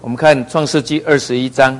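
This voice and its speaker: A middle-aged man leading a Bible study, reading scripture slowly and then explaining it in a chatty way full of fillers. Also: medium pitch, steady tone. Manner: conversational, with many fillers and a tagged "哈".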